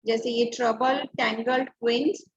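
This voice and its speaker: Woman teacher, high-pitched, slow and patient, dull lo-fi online class sound. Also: steady tone, slightly rough. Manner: patient, spells words letter by letter, mixes Hindi and English. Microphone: computer or phone mic on a video call.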